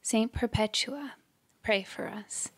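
A woman with a slightly high voice hosts a prayer podcast. She reads a scripted prayer slowly and carefully, in a prayerful tone. Soft guitar plays underneath her. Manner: slow, measured, prayerful. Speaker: podcast host leading prayer.

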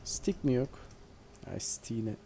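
A man's voice: mid-range voice, animated, takes it slowly, gravelly, warm tone, slight background noise. Joking man narrating his gameplay. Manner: playful, joking, talks to the game. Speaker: gaming video host. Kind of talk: casual let's-play commentary.

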